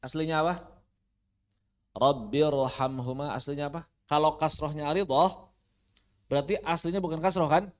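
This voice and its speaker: A man with an Indonesian accent teaching Quran recitation online, repeating syllables loudly to demonstrate each sound. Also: on the high side, fairly even intonation, fast. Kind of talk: online tajwid lesson.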